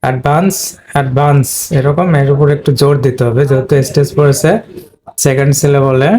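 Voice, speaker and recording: A man teaching English pronunciation, explaining step by step and slowly repeating each word. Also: medium pitch, little pitch movement, dark tone. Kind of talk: explaining at a board.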